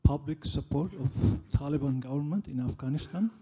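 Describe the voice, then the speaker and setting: A man's voice: a little high, brisk, warm tone, breathy edge, muffled recording. A man in the audience asking questions hesitantly, searching for his words, in a large lecture hall.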